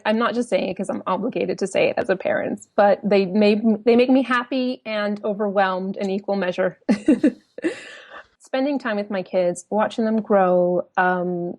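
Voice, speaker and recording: A woman's voice: mid-range voice, a little mellow, dry recording. A woman in her thirties from New York with a New York American accent, chatting as a guest on a podcast and laughing often. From United States, New York. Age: 30s. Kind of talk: casual podcast interview.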